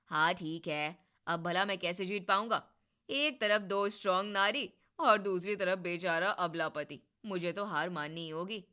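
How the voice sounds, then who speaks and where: Woman doing a gruff grumbling husband. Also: a little slow, pushed and bright. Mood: teasing. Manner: mock-sulky, low put-on voice. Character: grumpy teasing young husband, quick to scold.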